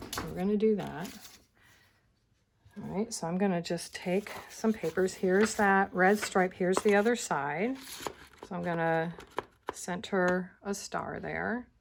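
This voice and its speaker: A woman's voice: lowish voice, gravelly, background noise. Chatty woman demonstrating crafts. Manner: chatty, thinking aloud while working. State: a little out of breath. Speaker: scrapbooking instructor. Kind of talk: casual craft tutorial.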